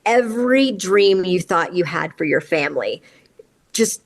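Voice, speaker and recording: A woman's voice: fairly low pitch, animated, measured pace. A woman in her forties, an interview guest and parent, speaking candidly and at length about her family. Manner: earnest, candid, recounting at length. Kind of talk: conversational interview storytelling.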